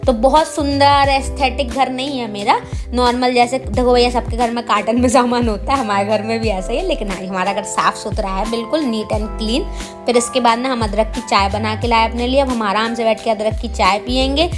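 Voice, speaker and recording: A woman vlogger talks her viewers through her day in a casual voice-over. Her voice sits a little high, and her tone is chatty and self-mocking. Soft music plays faintly underneath. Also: steady tone, a little fast.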